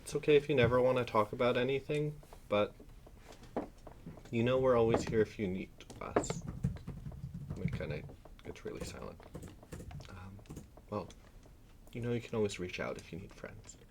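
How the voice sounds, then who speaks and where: A man roleplaying a gentle, reassuring friend who speaks softly and consolingly. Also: medium pitch, moderate pace, pauses often, noisy background, close to an everyday voice. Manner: soft and consoling. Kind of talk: in-character roleplay.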